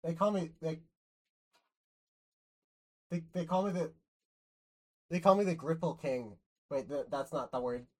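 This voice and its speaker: Low and a little mellow, this woman's voice stays fairly even, moving at a measured pace with frequent pauses. She's a streamer chatting casually with friends over a game, swearing, laughing, and tripping over her words as she rambles and restarts.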